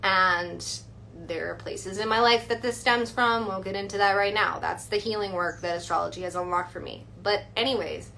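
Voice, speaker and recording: A woman's voice: mid-range voice, vocal fry, bright, forceful tone, slight background noise. A young woman hosting a live stream as an astrologer, chatting casually with lots of fillers, earnest and a bit defensive.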